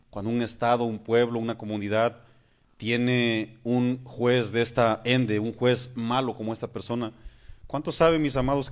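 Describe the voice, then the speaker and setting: A man, a pastor preaching a sermon. He asks his listeners questions and keeps calling them "hermanos". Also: mid-range voice. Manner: acts out praying voices mid-sermon.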